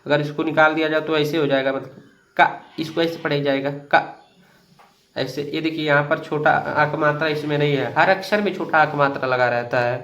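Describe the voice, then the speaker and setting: A man teaching beginners to read Hindi, patiently repeating each word slowly and addressing viewers as friends. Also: fairly high pitch, fairly even intonation, a bit bright, highs cut off.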